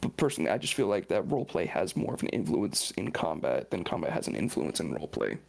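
A man's voice: sits low, sing-song, fast, gravelly, darkish tone. A man co-hosting a casual podcast debate, laying out his case persuasively. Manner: persuasive, building up scenarios. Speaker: podcast co-host.

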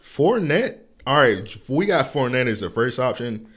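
A man's voice: medium pitch, moderate pace, fairly bright tone. A man chatting casually about football, blunt and cursing freely. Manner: blunt, casual, swears a lot. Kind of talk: casual sports chat.

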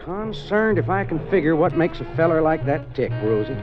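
An actor playing a folksy, bemused cowboy with an in an old radio drama. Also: male voice, fairly high pitch, sing-song, normal speed. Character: folksy male cowboy onlooker, plain-spoken and bemused. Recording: dull old radio recording, music behind.

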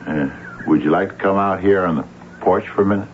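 An actor playing a sinister man who hypnotizes a young woman, talking slowly and coaxingly with many hesitations, in an old radio drama. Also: low-pitched, phone-quality sound, natural voice. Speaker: villain. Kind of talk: 1940s radio acting. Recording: scratchy old radio recording with music.

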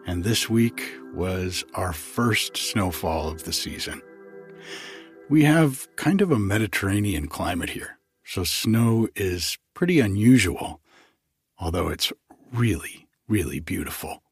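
A man speaking as a sleep story narrator, in a gentle, hushed, soothing and unhurried bedtime delivery. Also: on the low side, slightly rough, dry recording, studio quality.

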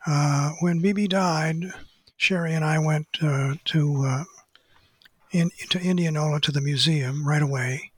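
An older man, an author being interviewed, recounting stories slowly and hesitantly with many pauses. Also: fairly high pitch, steady tone, husky, dry recording. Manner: hesitant, many "uh" pauses, quotes others in a hushed voice. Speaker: author and photographer interviewed as guest. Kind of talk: unscripted storytelling interview.

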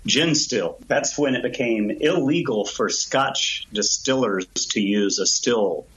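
A man's voice: medium pitch, takes it slowly, a bit bright, highs cut off. A man who owns a distillery, explaining his gin process in a casual interview with an enthusiastic, storytelling manner. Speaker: distillery owner.

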